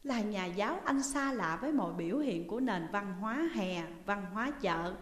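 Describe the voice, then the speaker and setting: A woman calmly narrating a first-person memoir as an audiobook reader. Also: mid-range voice, moderate pace. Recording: echoey reverberant room.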